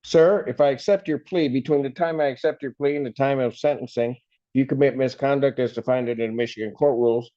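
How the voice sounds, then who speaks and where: A man presiding as a judge at a plea hearing, asking formal questions in a measured way, heard through a courtroom recording. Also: medium pitch, steady tone, dark tone. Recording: dull courtroom audio recording.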